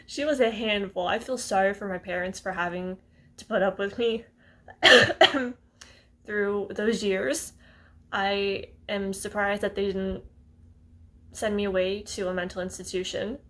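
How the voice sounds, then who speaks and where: A woman's voice: mid-range voice, fairly even intonation, measured pace, a bit bright. A woman in her twenties talking casually to her viewers, hesitant and rambling, often breaking into small laughs. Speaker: vlogger. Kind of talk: casual talk to camera.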